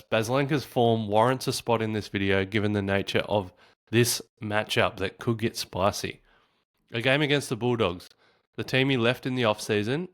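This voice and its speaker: An Australian man with a somewhat low voice, talking solo to his viewers in a relaxed, chatty way. He sounds easygoing and laughs at himself here and there. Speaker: fantasy football podcast host. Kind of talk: solo casual commentary to camera.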